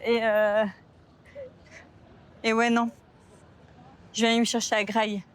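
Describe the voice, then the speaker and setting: A woman's voice: fairly high pitch, flat delivery, a little slow, clear, resonant tone. A young woman vlogging casually to camera, rambling and self-mocking with slang and fillers, upset and hungry. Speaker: travel vlogger. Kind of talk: casual vlog chat to camera. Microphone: camera mic.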